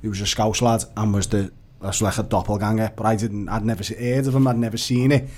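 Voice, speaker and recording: A man's voice: lowish voice, fast talker. A man with a Liverpool accent telling a story in casual chat, swearing and laughing as he goes. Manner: animated, swearing, laughing through his story. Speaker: podcast co-host.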